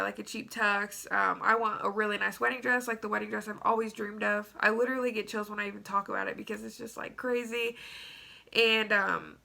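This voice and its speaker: A woman's voice: a little high, gravelly, sharp tone. A young woman with a stuffy nose telling a story to her vlog audience, chatty and rambling with lots of fillers. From Tennessee. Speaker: vlogger. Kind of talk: casual story-time vlog.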